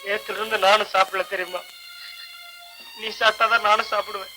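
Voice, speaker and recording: An actor playing a hot-headed young man who shouts and demands answers, in 1940s film acting style. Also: high-pitched, level tone, fairly quick, soft background music, poor audio. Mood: pleading. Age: young adult.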